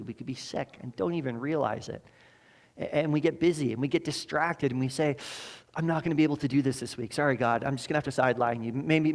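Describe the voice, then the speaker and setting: Man, pastor, animated sermon, laughs often, acts out quotes, mid pitch, long hall reverb.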